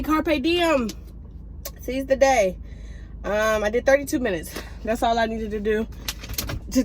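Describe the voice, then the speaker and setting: A woman's voice: mid-range voice, a little mellow, slight background noise. Chatty young woman vlogging outdoors. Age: 20s. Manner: chatty, laughs often, talks to the camera. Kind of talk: casual vlog chat. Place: outdoors on a wooded trail.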